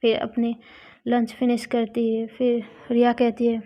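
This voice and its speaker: A woman narrating a love story in a plain, unhurried telling. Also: on the high side, completely flat delivery. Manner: slow, plain retelling. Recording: dull lo-fi recording.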